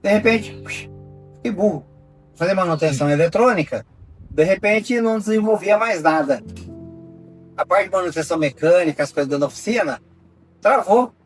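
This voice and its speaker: Over faint background music, a middle-aged Brazilian man recounts his personal testimony in a fairly high voice. He tells it like an animated storyteller, swinging his pitch as he acts out the dialogue. At tense moments he sinks into a hushed, low tone. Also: normal speed, pauses often, distant mic. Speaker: founder of a rescue project, telling his story. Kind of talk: personal testimony in casual conversation.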